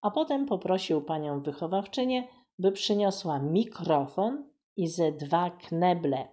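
A woman reading a story aloud to children in a gentle, teacherly manner. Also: on the low side, expressive, a little slow.

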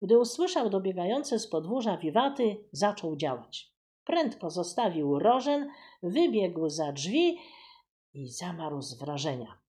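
A woman's voice: lowish voice, very animated, a little slow, warm tone. A woman reading a children's story aloud, explaining old words along the way.

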